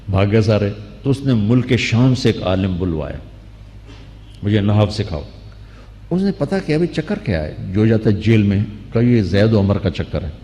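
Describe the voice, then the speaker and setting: Man, sermon, storytelling with acted-out dialogue, long hall reverb. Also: fairly low pitch. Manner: storytelling with acted dialogue, rising to animated outbursts. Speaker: Islamic preacher.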